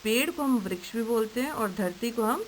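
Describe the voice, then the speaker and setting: A woman's voice: a little high, animated, normal speed, rough recording. A woman teaching an online lesson to young children, asking simple questions and answering them herself in a patient way. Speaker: primary school teacher. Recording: faint hiss.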